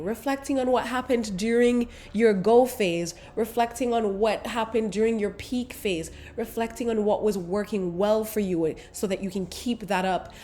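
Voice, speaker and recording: A Caribbean podcast host with a mellow, mid-range voice talks casually about spirituality while fighting a cold that makes her congested and sniffly. Her manner is affectionate, uplifting, and conversational, and she records in a London apartment beside a busy road.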